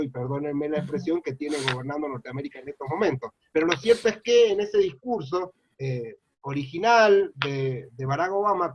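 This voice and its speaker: A middle-aged man from Mendoza, speaking with an Argentine Spanish accent in a voice on the high side, gives an earnest, rambling public lecture packed with "eh" and "este." The recording is dry, dull, and lo-fi.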